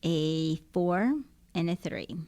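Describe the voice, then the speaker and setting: Woman pastor, 30s, unhurried guest on a church podcast, soft and relaxed. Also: on the low side. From El Salvador.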